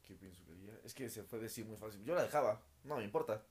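A man with a Mexican accent, co-hosting a casual podcast in a relaxed way and asking his partner questions. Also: lowish voice, quick pace. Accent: Mexican Spanish. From State of Mexico. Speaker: podcast co-host.

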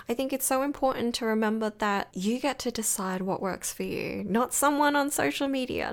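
A young woman, hosting a podcast in a rambling, reassuring way, her morning voice cracking. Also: fairly high pitch. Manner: rambling, reassuring, many fillers. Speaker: podcast host. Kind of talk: casual solo podcast talk.

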